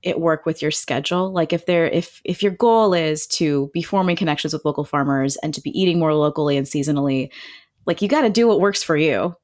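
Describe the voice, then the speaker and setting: A woman chats away on a podcast, her voice sitting on the low side. She is enthusiastic and casual and scatters "like" through her sentences. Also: a little fast, a little mellow. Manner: chatty and enthusiastic, many "like"s. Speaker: podcast co-host. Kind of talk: casual chat.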